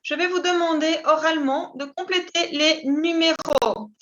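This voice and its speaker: A woman teaching an online French class, explaining in Spanish and repeating each word slowly for pronunciation. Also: very high-pitched, steady tone, fairly bright tone, dull audio. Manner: slow, careful, repeats words for pronunciation; switches between Spanish explanations and French examples.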